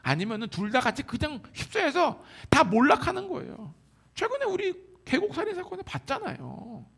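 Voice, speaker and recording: A male pastor preaching a sermon in a lively, colloquial way, often acting out the people he quotes. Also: very high voice, moderate pace, creaky. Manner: animated, colloquial preaching that acts out quoted voices. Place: church hall.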